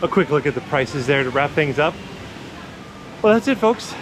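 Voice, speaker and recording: Street noise, passing traffic, cars, and city ambience surround this outdoor recording of a man hosting a casual walking tour. A vlog host and guide, he chats and explains informally in a laid-back walk-and-talk narration, his fairly high voice lively in intonation at a moderate pace.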